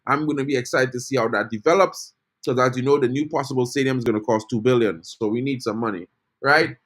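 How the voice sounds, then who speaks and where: A man's voice: medium pitch, fast, a bit bright. A man from Trinidad, hosting a casual live-stream football fan update, chatty and greeting his viewers. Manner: chatty, greets chat viewers, says bro a lot. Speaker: football fan channel host.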